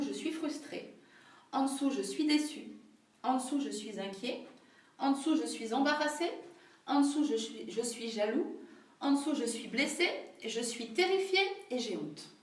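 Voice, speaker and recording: A woman's voice: high voice, expressive, measured pace. A woman leading a group workshop in a conversational teaching manner, often checking in with her listeners. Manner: conversational, frequent tag questions. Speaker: workshop leader. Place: room with a small group. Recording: very echoey room, far from the mic.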